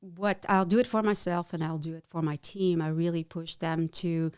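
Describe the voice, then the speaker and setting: Middle-aged French-accented woman, smooth, dry close mic, halting interview guest. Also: lowish voice, steady tone, no room sound. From France. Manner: halting, with many restarts and fillers. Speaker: guest, chief marketing officer. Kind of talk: casual interview.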